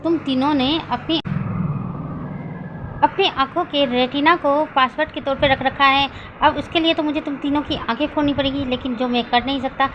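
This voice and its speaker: A woman voicing a sulky, outspoken pregnant young man who grumbles and snaps quickly in a storybook reading. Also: high-pitched, fairly even intonation, lo-fi sound, background noise, natural voice. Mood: grumbling.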